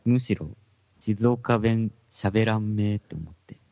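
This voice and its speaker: A man's voice: lowish voice, takes it slowly, gravelly, warm tone, dry recording, lo-fi sound. A man with a Hakata accent, a podcast co-host in casual chat among musicians, joking and laughing often. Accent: Hakata dialect. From Fukuoka.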